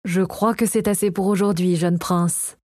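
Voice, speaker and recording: A woman's voice: lowish voice, fairly even intonation, normal speed, a little mellow, no echo, studio quality, close to an everyday voice. A woman reading the part of a polite, deferential male tutor to a young prince. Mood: courteous. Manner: courteous and formal.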